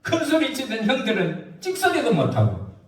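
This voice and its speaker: Male pastor preaching, high lively voice, animated storytelling, rhetorical questions, echoey church hall, heard from a distance. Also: normal speed. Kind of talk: sermon.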